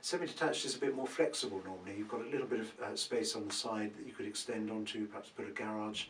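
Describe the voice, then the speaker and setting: A man, a property expert answering viewer questions in a casual Q&A, relaxed and thinking aloud with many ums. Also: on the low side, fast. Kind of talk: casual advice Q&A. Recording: roomy, from a distance, faint background hum.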